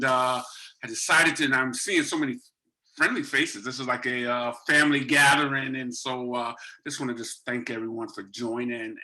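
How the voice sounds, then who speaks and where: A man in his fifties speaks as a guest author on a video call. His voice is bright and forward, and he talks earnestly, halting often with fillers. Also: mid-range voice, low-quality recording. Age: 50s. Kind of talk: informal talk to an online audience.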